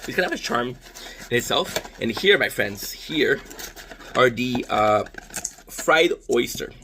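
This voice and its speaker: His voice is mid-range, animated and sharp, delivered a little slowly, with some hiss or hum in the audio. He's a Canadian vlogger in his thirties with a French Canadian accent, rambling casually through a food tasting with swearing and self-mockery.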